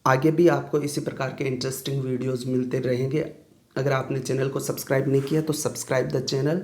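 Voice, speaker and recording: A man's voice: mid-range voice, flat delivery, moderate pace, a little mellow. Man teaching English vocabulary. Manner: explains each word, then asks "clear?". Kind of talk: vocabulary lesson.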